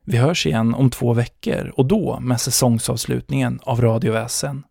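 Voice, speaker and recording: A man hosting a podcast, narrating a story in a measured dramatic manner. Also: mid-range voice, steady tone, vocal fry, mellow, dry recording, clean studio sound.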